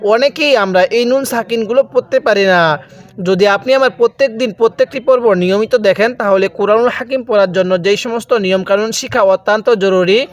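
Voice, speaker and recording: A man teaching Quran recitation step by step, spelling out letters and then reciting the words slowly and drawn out, and putting questions to the viewer that he answers himself. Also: sits high.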